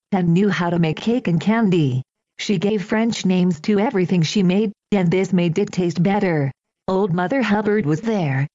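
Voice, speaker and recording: Low, mellow woman reading a storybook. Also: dry recording. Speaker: audiobook reader. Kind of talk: storybook narration. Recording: dull, dry lo-fi recording.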